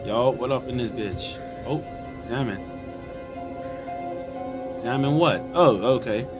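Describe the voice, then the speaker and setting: A man playing a horror game and reacting with loud, slangy, swearing commentary. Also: medium pitch, slow, music in the background. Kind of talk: casual gaming commentary.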